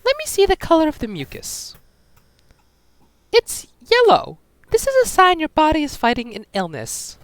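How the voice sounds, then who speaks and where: A woman voicing a brisk, upbeat family doctor in a homemade animated drama, explaining in a bright, sing-song way. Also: high-pitched, no room sound. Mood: cheerful. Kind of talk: amateur machinima voice acting.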